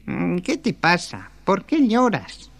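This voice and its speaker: A man's voice: high voice, huge pitch swings, gravelly, voice pushed up, full character voice. A man voicing a sly little dwarf in a folktale, drawn out and coaxing. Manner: slow, coaxing, then gleeful.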